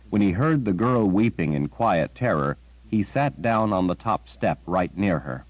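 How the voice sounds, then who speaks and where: A man reading a fantasy novel as audiobook narrator, in measured scripted narration. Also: sits low, a little mellow, dry recording, muffled recording.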